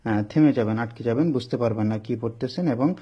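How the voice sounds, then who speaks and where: Teacher, male, mid-pitched; patient letter-by-letter drill, slightly dull lo-fi recording. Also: dark tone, husky. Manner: slow, repetitive letter-by-letter spelling, then the blended word. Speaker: Quran reading teacher. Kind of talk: spelling-drill lesson. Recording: dull lo-fi sound.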